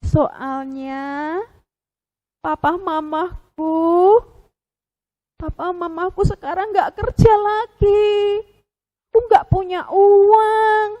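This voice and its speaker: A woman voicing a sad little penguin puppet in a children's story, talking softly and slowly, on the edge of tears. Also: extremely high pitch, lo-fi sound. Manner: soft, quiet and slow, breaking into sobs.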